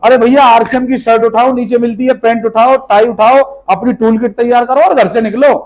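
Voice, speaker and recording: A man's voice: very high voice, fairly even intonation, brisk, a little mellow, rough recording. A man giving a motivational seminar speech, firing rhetorical questions at the audience and repeating his points with emphasis. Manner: emphatic, scolding, repeats key phrases. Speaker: motivational business speaker. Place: seminar hall with a live audience.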